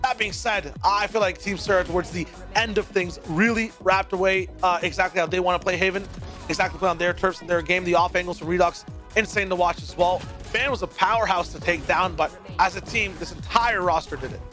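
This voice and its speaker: A male esports caster with a high-pitched voice calls play-by-play over clearly audible music. His delivery is excitable and flowing, carrying the commentary along like a live match broadcast. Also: a little fast.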